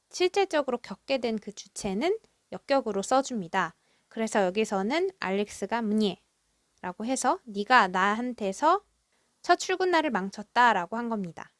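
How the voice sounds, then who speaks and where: Woman teaching, slow careful readings. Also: fairly high pitch, no room sound, studio quality. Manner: reads foreign lines slowly and carefully, then translates. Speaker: language teacher. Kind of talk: explaining a drama script line by line.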